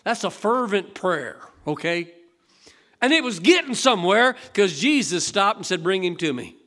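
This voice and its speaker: High, bright-voiced preaching pastor. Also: male voice, moderate pace. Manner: animated preaching, acting out voices from stories. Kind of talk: sermon. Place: church sanctuary.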